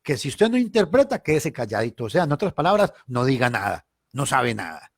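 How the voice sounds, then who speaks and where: A man teaching a Bible study in a preaching style, emphatic, swinging between loud stressed words and quiet asides. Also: mid-range voice, sing-song, brisk, no room sound, clean studio sound.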